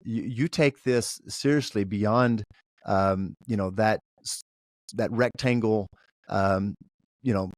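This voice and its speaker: A man's voice: on the low side, slow pace, no room sound, studio quality. A man, a pastor, hosting a podcast interview and reflecting the guest's words back. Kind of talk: conversational interview.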